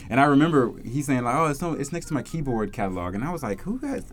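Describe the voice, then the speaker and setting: A man's voice: mid-range voice, sing-song, fast, slight background noise. Laid-back joking man in his thirties. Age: 30s. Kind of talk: casual chat among friends.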